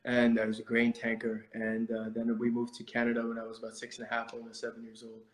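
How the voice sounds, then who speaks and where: A man's voice: medium pitch, monotone, quick pace, echoey room, poor audio. A middle-aged man from India, a martial arts instructor, speaking as an interview guest in a thoughtful way, with many fillers and restarts. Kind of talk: reflective conversational interview.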